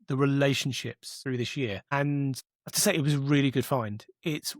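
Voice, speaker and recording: A podcast co-host with a mid-range voice chats casually at a normal speed, his intonation fairly even. He sounds enthusiastic and often repeats words, and the recording is clean studio sound with no echo.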